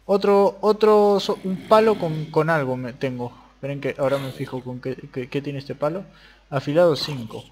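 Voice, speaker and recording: A young Argentine man talking casually over a modded Minecraft game, jumping between quiet mutters and excited yelps. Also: on the high side, normal speed, slight background noise. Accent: Argentine Spanish. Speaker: gaming youtuber. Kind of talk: casual Minecraft let's play commentary.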